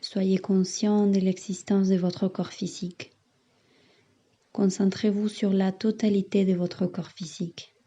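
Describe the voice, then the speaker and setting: In a mid-range voice with flat delivery and a dark tone, a female yoga teacher leads a guided meditation. She gives calm, measured instructions separated by long pauses, heard on a slightly muffled recording.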